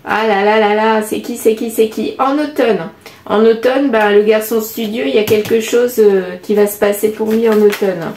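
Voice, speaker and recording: French lady doing a card reading, thinking out loud, lots of ums, echoey room. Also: on the high side, fairly even intonation, moderate pace, slight background noise. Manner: musing, hesitant, many fillers. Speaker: card reader. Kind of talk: casual oracle card reading.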